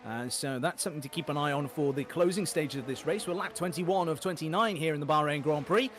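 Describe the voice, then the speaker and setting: A man calling a sim race lap by lap, words tumbling out at a rapid clip. His voice sits slightly on the high side, and he jumps on every overtake with excitable energy. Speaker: race commentator. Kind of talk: play-by-play sim racing commentary.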